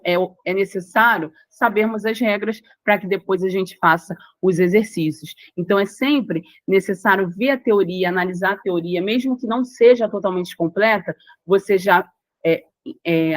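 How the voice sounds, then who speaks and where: A Brazilian woman teaches grammar for exams in a patient, explanatory way, repeating example words and checking in with her listeners. Her voice sits at an ordinary pitch and is recorded close and dry, with no room sound. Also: a bit bright, no echo. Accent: Brazilian Portuguese. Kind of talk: recorded grammar lesson for exam prep.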